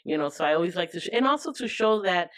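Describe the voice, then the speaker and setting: A woman's voice: fairly low pitch, lively intonation, fast, a bit bright. A woman hosting a casual radio interview, chatty, laughing often and filling in with small agreeing sounds. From Rochester, New York. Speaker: radio host.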